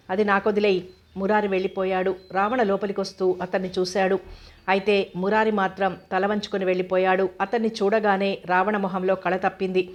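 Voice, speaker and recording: A woman narrating a novel aloud in a steady, even reading style. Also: mid-range voice, lo-fi sound. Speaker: audiobook narrator.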